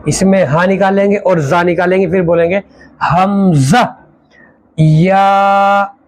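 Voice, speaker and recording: A man teaching a Quran reading lesson as an Arabic teacher, drawing out each letter slowly and explaining how to say it. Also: sits high, steady tone, low-quality recording. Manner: slow, drawn-out recitation of letters with explanations.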